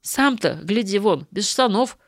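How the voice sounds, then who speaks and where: A woman's voice: mid-range voice, animated, unhurried, dry recording, clean studio sound. A woman voicing a meek, wary old male beggar who mumbles and hurries his words. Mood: wry.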